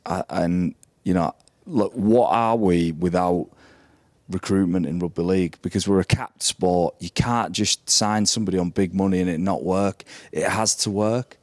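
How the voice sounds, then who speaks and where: Low-voiced guy on a live podcast, rambles, swears a lot, dry sound. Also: normal speed, darkish tone, no echo. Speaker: podcast pundit, former player. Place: brewery taproom, live audience.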